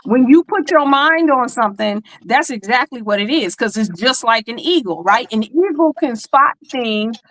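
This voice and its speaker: A woman's voice: fairly high pitch, lively intonation, normal speed, hardly any pauses, a bit bright, a little hiss or hum, rough recording. A woman hosting a casual livestream over a video call, talking with many fillers and frequent laughs. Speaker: host reading spiritual charts.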